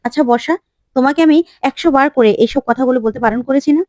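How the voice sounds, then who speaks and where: A woman's voice: high-pitched, fast, a little mellow, dry recording, natural voice. Casting: woman doing a stern old grandma, reproachful, dry close sound.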